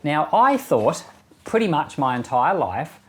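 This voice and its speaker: A male pastor who reads scripture slowly, then comments in a relaxed, conversational way with frequent soft chuckles. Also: a little high. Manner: reads verses slowly and deliberately.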